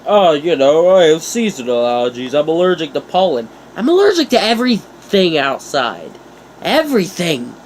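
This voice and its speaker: A young YouTuber, nose stuffed up from a cold, rambles casually to his viewers in a vlog, cracking jokes and making self-mocking asides. His voice is a little high, and the low-quality recording carries slight background noise.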